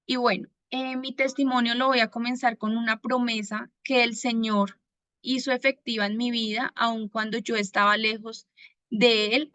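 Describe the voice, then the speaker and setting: A woman from Bogotá with a Colombian accent, giving a personal faith testimony in an earnest manner, pausing often to gather her words. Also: a little high, sharp tone, no echo. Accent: Bogotá Colombian Spanish. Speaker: testimony giver.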